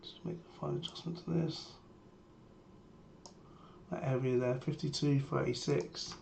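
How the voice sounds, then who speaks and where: Male trader for live market commentary, voice strained by a sore throat, mid-pitched and level, brief and matter-of-fact, faint noise and typing behind. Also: a little slow, gravelly. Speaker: trader sharing a premarket plan. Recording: steady background noise, keyboard typing.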